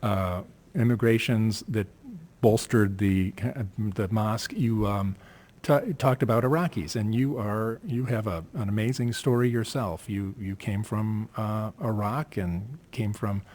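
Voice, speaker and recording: A man's voice: lowish voice, a little slow, a little mellow. A man hosting a live radio interview, asking questions in a conversational way with frequent restarts, at a table mic. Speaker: radio host. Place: mosque event room, live broadcast table. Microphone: table mic with headphones.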